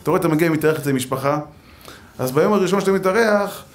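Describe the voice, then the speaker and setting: Male rabbi, lively storytelling sermon, a fairly high voice, acts out quotes. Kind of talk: Torah lesson sermon.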